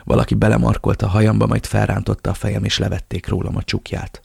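Gravelly man narrating a novel. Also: lowish voice, flat delivery, darkish tone, no room sound, studio quality. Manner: tense, dramatic first-person storytelling. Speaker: audiobook narrator. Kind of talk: first-person novel narration.

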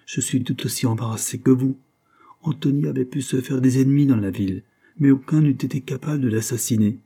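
A man's voice: mid-range voice, fairly quick, vocal fry, warm tone, slightly rough, voice pushed up. A man reading an audiobook, voicing a puzzled, emotional police sergeant. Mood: perplexed. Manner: earnest, perplexed.

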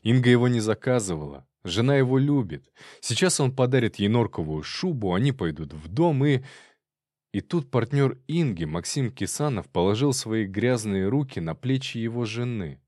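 A man narrating a story in an expressive audiobook reading. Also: mid-range voice, normal speed, no echo, studio quality.

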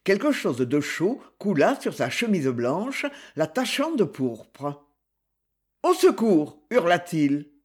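Slow, expressive male audiobook narrator. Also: a little high, slightly rough.

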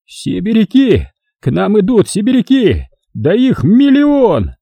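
A man voicing a hardened veteran soldier who shouts frantically, pitched well above his own voice. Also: big pitch swings, normal speed, breathy edge, dry recording, heavily acted. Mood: frantic.

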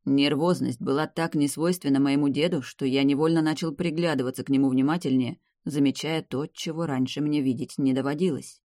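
An audiobook reader giving slow, measured first-person fantasy narration. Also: medium pitch, steady tone, darkish tone, no echo, studio quality.

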